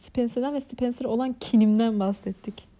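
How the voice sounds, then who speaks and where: A young woman co-hosting a podcast in casual chat, talkative and quick to laugh. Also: on the high side, steady tone, mellow. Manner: chatty, laughs often, fired up. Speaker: podcast co-host.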